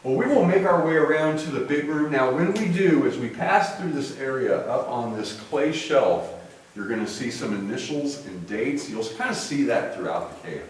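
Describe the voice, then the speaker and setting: A man's voice: medium pitch, moderate pace. Man guiding a tour, cave echo. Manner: relaxed, friendly, many "uh" fillers. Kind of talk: guided tour explanation. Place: inside a limestone cave. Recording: echoey cave, mic at a distance, faint noise.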